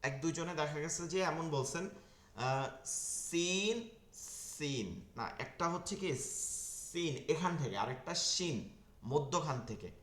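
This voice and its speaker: A slightly high-pitched man with a fairly bright tone speaks at a measured pace, his voice reverberant. He runs an online Quran pronunciation class, describing tongue and teeth placement step by step and repeating every Arabic letter sound many times.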